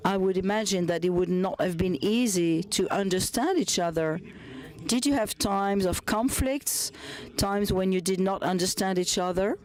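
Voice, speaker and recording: Measured interpreter posing panel questions. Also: medium pitch.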